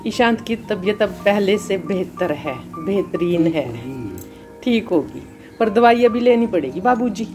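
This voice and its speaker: Chatty housewife, echoey kitchen. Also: female voice, medium pitch, lively intonation, measured pace, over music. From Haryana, India. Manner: homely, chatty, talks to viewers directly. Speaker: housewife vlogger. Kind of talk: casual home vlog chat. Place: home kitchen, indoors. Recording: echoey room with fan hum. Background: ceiling fan noise.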